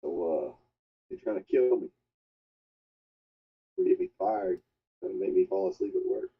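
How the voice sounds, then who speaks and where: A low, very husky man's voice that swings widely in pitch, coming through dull lo-fi voice-chat audio. He jokes wryly and easily in casual chat. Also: sing-song, moderate pace. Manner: wry, joking about work and food.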